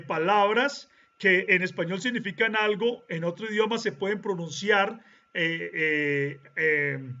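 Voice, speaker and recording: A man giving a deliberate Bible-teaching talk, explaining step by step and checking in with short rhetorical questions. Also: high voice, sharp tone, highs cut off.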